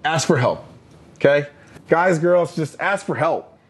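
A man's voice: on the high side, animated, a little slow, breathy edge. A man co-hosting a leadership podcast, talking emphatically with many fillers and "right?" tags. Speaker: podcast co-host, leadership coach. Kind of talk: casual leadership podcast chat.

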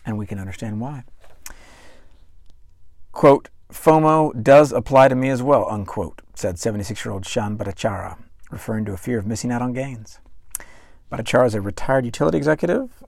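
A man's voice: medium pitch, a little fast, gravelly, a little mellow, no room sound, clean studio sound. A man hosting a finance podcast in a conversational manner, reading out news articles and speaking straight to the listener. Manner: conversational, reads quotes aloud and talks straight to the listener. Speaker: finance show host.

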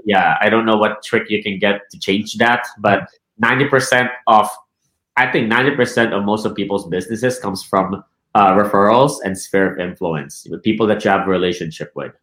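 A man's voice: on the low side, a little fast, a bit bright, reverberant, poor audio. A man from the Philippines, a real estate team leader, talks casually in an interview, often checking with "right?" and restarting his sentences. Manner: repeats words and restarts, asks "right?" often.

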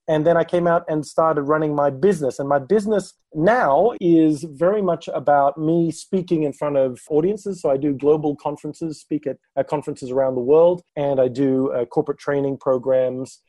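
A man who grew up in Malaysia, a guest on a podcast, telling his career story in a relaxed way. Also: fairly high pitch, brisk, few pauses, dry recording. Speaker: guest speaker. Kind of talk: interview conversation.

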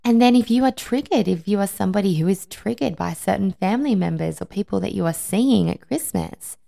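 A woman's voice: medium pitch, fairly quick, gravelly, warm tone. A woman podcast host talking conversationally and empathetically, giving personal advice with emphatic repeated words. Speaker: podcast host, life and wellbeing coach.

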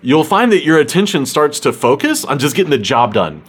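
A man's voice: fairly high pitch, very animated, brisk, husky. A man hosting a show for accountants, talking casually and earnestly to his listeners in a reflective, motivational way. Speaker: host of a podcast for accountants. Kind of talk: casual talk to the audience.

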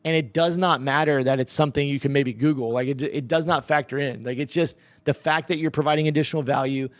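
A man's voice: fairly high pitch, steady tone, fast talker, dry recording. A man co-hosting a casual business podcast, talking loosely with restarts and laughs. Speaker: podcast co-host.

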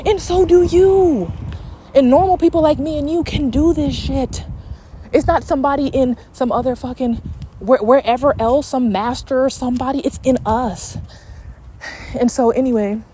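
A woman's voice: sits high, normal speed, dark tone. A woman podcast host telling a personal story in a casual monologue, outdoors in the wind, candid and swearing freely. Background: wind noise.

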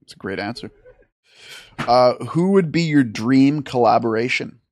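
A man hosting an interview, asking quick questions and answering with upbeat praise. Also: mid-range voice, animated, darkish tone, dry recording, clean studio sound. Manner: upbeat, affirming. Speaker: interview host.

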